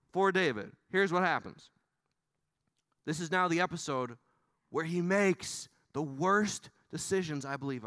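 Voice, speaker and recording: A man preaching a sermon in church, animated and talking directly to the congregation. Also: high-pitched, no echo. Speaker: pastor.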